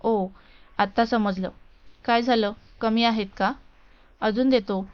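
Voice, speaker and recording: A woman reading the part of an arrogant, dismissive rich young businessman in a storybook tale, with a smooth voice on a dull lo-fi recording. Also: on the high side, steady tone, slow. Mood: scornful. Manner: cold, dismissive, mocking.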